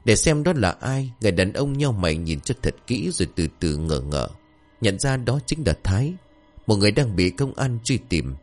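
Expressive low-voiced male storyteller. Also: normal speed, faint music behind. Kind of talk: folk tale narration.

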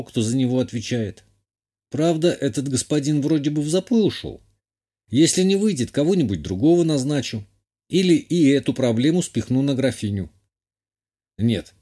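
A man reading a first-person fantasy audiobook in a measured, even way. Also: mid-range voice. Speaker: audiobook narrator. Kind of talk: scripted first-person narration.

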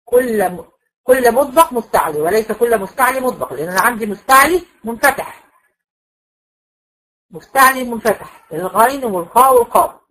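A woman's voice: fairly high pitch, animated, fairly quick, a bit bright, low-quality recording. Woman, Egyptian accent, recitation teacher, classroom lecture, questioning, demonstrative. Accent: Egyptian Arabic. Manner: explanatory, asks the class questions and demonstrates sounds.

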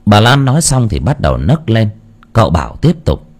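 A man narrating an audiobook with steady storytelling. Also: on the low side, moderate pace.

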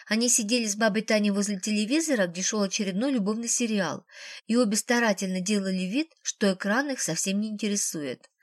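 An audiobook narrator, a woman, reads a novel aloud as scripted narration in an even storytelling manner. Her voice is medium-pitched, and the recording is dry and studio quality.

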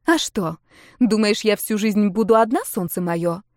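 A woman's voice: mid-range voice, expressive, moderate pace, darkish tone, no room sound, clean studio sound, lightly acted. A woman voicing a cold, sarcastic middle-aged ex-wife who speaks in a sardonic, cutting way.

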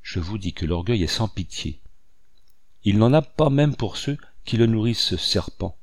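Audiobook reader: man, low voice, measured and expressive, dry close recording. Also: no echo. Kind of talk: reading a classic novel aloud.

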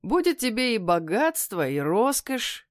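A woman voicing a gruff, burly male kidnapper who talks in a mocking, curt way, read as a character in an audiobook. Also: a little high, very animated, unhurried, no echo, clean studio sound, pitched above the performer's own voice.

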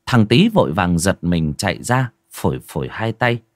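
Deep-voiced man telling a ghost story. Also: moderate pace, dry recording, clean studio sound. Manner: lively, dramatic storytelling.

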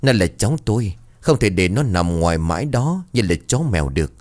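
Gruff stubborn elder read by a male narrator, low and insistent. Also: big pitch swings, brisk, a little mellow. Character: stubborn grieving older man, insistent head of family.

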